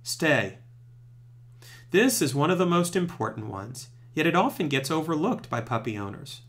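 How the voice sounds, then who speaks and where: Male presenter for scripted tutorial narration. Strongly varied intonation, pitch a touch above average, clear instructional delivery. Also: very animated, brisk, a bit bright. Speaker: presenter of puppy training tips.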